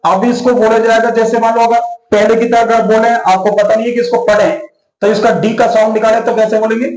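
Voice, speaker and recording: A man's voice: high voice, level tone, a little fast, a little mellow. A male English teacher with a Hindi accent, explaining pronunciation rules in a repetitive, questioning classroom style. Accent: Indian, Hindi-speaking. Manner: repetitive, questioning, addresses students as beta. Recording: echoey room.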